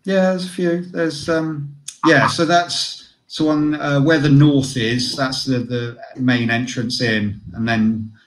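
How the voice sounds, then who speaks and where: A man's voice: mid-range voice, fairly even intonation, takes it slowly, reverberant. A man reviewing a caravan site in a casual online show, chatty, with lots of fillers and restarts.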